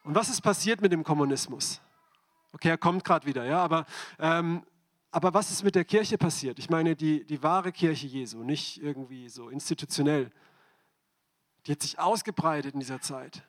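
A man's voice: a little high, moderate pace. A man preaching a sermon, speaking directly to the congregation and asking them repeated questions.

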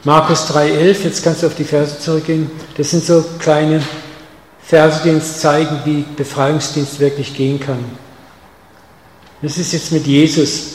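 A man preaching a sermon, speaking straight to his listeners with rhetorical questions, dropping soft and then pushing lines out with stress. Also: a little high, slight background noise. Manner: emphatic, direct address with rhetorical questions; swings between soft intimate lines and loud stressed ones. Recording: echoey hall with long reverb.

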